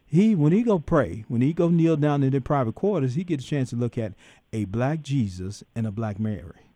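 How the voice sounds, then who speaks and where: A man's voice: mid-range voice, expressive, normal speed, mellow, dry recording. A man hosting a call-in radio talk show, folksy and preacherly, voice rising and dropping in emphatic bursts. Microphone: studio microphone.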